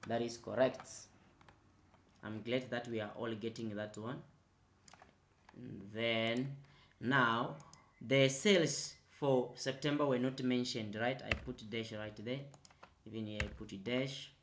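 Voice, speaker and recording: A man at a mid pitch leads an online accounting revision class. He keeps checking in with "right?" and urging answers "quickly." He grows louder and more insistent when he explains a rule. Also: steady tone, slight background noise. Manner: repetitive, prompting with "right?" and "quickly". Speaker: accounting tutor.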